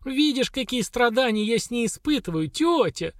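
A man voicing a sulky, hungover young woman warrior who whines and wails in a high voice. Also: expressive, fairly quick, dry recording, clean studio sound. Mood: whining. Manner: high, complaining, wailing.

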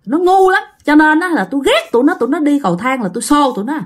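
A woman's voice: on the high side, big pitch swings, a little fast. A woman voicing a spiteful female ghost who haunts a staircase, scolding with contempt. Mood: scornful.

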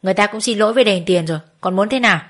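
A woman voicing a male brothel boss who speaks calmly and firmly. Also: mid-range voice, very fast, natural voice. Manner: calm, firm.

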